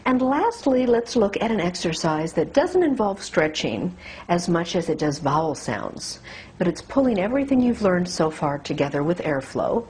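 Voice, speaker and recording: An American woman working as a speech coach, giving deliberate articulation instruction and drawing out sounds as she demonstrates them. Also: fairly low pitch, big pitch swings, a little mellow, slight background noise. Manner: deliberate, drawn-out demonstration of single sounds and words.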